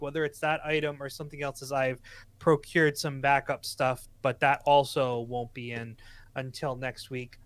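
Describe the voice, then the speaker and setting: A man's voice: on the high side, a bit bright, clean tone, no echo. A man with a Boston accent co-hosting a casual podcast, rambling through announcements and correcting himself as he goes. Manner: rambling, promotional, self-correcting. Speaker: podcast co-host.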